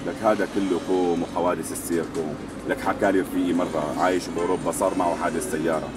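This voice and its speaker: An actor playing a chatty passenger with a Syrian accent, telling a story in a TV comedy sketch. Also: male voice, lowish voice, lightly acted.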